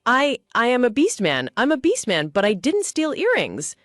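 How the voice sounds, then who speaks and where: Lady doing a scared little lizard girl, high and jumpy, fretting to herself in a storybook recap, dry close sound. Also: wildly swooping pitch, moderate pace, fairly bright tone, no echo. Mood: earnest. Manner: anxious, pleading inner thoughts.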